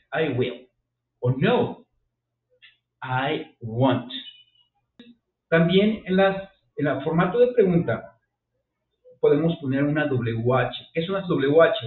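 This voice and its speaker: Animated male teacher, far and tinny. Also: medium pitch. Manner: lively, repeats and checks with "ok?". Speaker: English teacher. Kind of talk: classroom grammar lesson. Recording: roomy, distant, phone-like sound.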